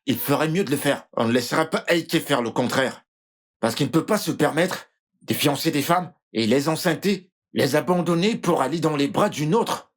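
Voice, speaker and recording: A man's voice: a little high, animated, moderate pace. A man voicing a defiant young brother who vows his family will not let it go, in a dubbed film drama. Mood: indignant. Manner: defiant, vengeful. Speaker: brother of the wronged sister.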